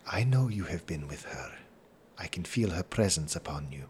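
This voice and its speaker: A man voicing a thin, distinguished, unsettling male stranger in a tabletop role-play, speaking low and hushed. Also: big pitch swings, normal speed, slight background noise.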